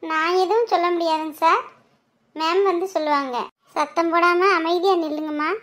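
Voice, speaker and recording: A woman voicing a calm young hospital nurse in a cartoon, reassuring the family in a Madurai Tamil accent. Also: extremely high pitch, normal speed. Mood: firm. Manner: patient, reassuring. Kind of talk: cartoon voice acting.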